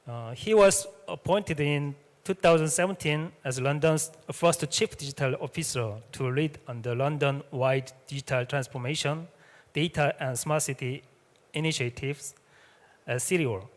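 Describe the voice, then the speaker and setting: A man moderates a symposium session in English, his voice a little high and his speed normal. He's hesitant, with frequent "uh" fillers and restarts, and the hall sounds reverberant.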